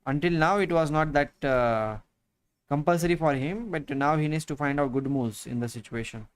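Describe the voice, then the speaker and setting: A man's voice: fairly high pitch, normal speed, smooth. Man thinking aloud over chess moves. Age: 30s. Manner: thinks aloud, frequent fillers. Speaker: chess commentator co-host. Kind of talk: casual chess commentary. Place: room at home.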